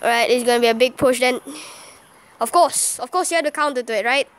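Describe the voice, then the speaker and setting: A woman giving live gameplay commentary as a channel host, excitable and quick to exclaim and groan at each play. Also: on the high side, clean tone.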